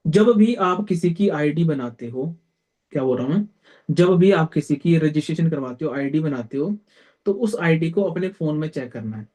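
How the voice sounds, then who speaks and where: A man's voice: fairly high pitch, lively intonation, normal speed, a little mellow. A young man leading a sales team meeting, giving blunt, direct advice and calling his listeners brother. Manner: direct and blunt, peppers talk with "theek hai". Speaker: team leader. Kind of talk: motivational team meeting talk.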